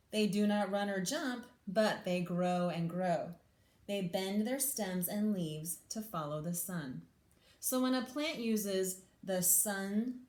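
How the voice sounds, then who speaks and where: In an echoey room, a woman teacher with a medium-pitched, slightly mellow voice reads a picture book aloud to children. She adds simple explanations and asks her young listeners questions along the way.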